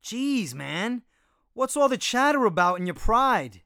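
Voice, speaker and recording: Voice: medium pitch, big pitch swings, unhurried, pushed and bright, smooth, no echo, studio quality, exaggerated voice. An actor voicing a cocky, street-smart male chimpanzee who talks in brash slang in an audiobook. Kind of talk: audiobook character voice.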